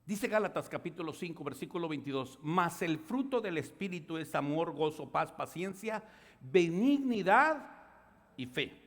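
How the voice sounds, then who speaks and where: A man pastor preaching a sermon, telling stories and acting out the voices, building to loud outbursts. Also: on the high side, big pitch swings, normal speed. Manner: storytelling preacher, acts out voices, rises to shouts. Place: church sanctuary. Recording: church hall reverb.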